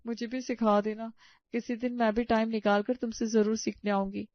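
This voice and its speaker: A woman's voice: fairly high pitch, little pitch movement, normal speed, no room sound, close to an everyday voice. A woman voicing a teasing young sister-in-law who talks in a chatty, mocking way, on a dull, lo-fi recording. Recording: dull lo-fi sound.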